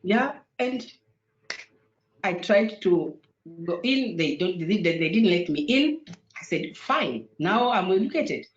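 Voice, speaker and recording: Here the Tanzanian panel guest, a native Sukuma speaker, sounds animated in a mid-range voice while talking slowly. Fillers and restarts break up her hesitant delivery, captured over a video call with roomy, muffled audio.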